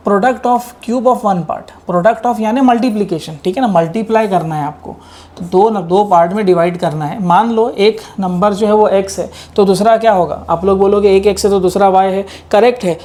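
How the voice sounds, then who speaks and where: A man's voice: high-pitched, warm tone. A male maths teacher giving an exam-prep lecture. He works through each step and keeps asking the students rhetorical questions, mixing English maths terms into his explanation.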